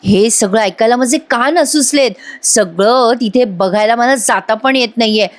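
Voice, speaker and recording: A scheming young woman gloats to herself, smug and pleased. A woman narrator reads her in her own high voice with a sly lift. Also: unhurried, close to an everyday voice. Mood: gloating.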